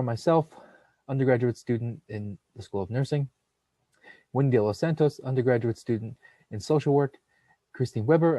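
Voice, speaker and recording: A man's voice: medium pitch, no room sound. A young man, a nursing student, hosting a webinar and steadily reading out a prepared script over a computer mic. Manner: steady, reads long lists of names and titles. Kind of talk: read webinar presentation.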